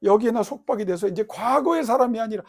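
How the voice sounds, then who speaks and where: A middle-aged male pastor preaching in a high voice. He moves between loud, crying-out prayer and soft, low asides. He keeps asking the congregation questions and has them repeat lines after him. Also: fast. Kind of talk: sermon.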